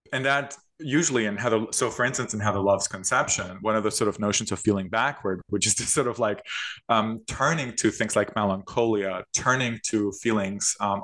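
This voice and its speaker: A man's voice: on the low side, a bit bright. A man, an author and queer studies scholar, speaking in an interview with thoughtful, hedging academic phrasing.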